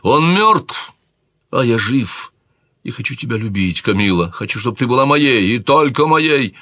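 A man voicing an obsessive, passionate king who speaks slowly and emphatically, with a commanding edge. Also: on the low side, fairly bright tone, dry recording, clean studio sound. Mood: furious.

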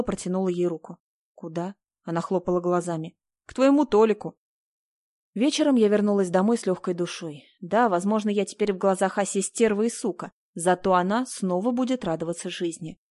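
A woman's voice: medium pitch, darkish tone, dry recording, studio quality. Woman reading a first-person story. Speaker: audiobook narrator. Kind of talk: first-person audiobook narration.

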